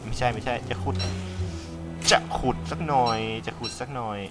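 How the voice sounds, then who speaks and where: This casual let's play features a young male gaming commentator with a slight cold, chatting with viewers and swearing freely. He has a mid-range voice with fairly even intonation and a moderate pace, while faint game music plays behind him.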